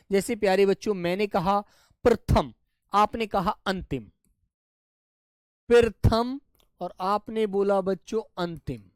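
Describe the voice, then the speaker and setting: Calling the children "dear," a male teacher conducts a live online lesson and repeats every word at a slow pace. He goes soft and low whenever he repeats an answer, and the clean studio recording has no room sound.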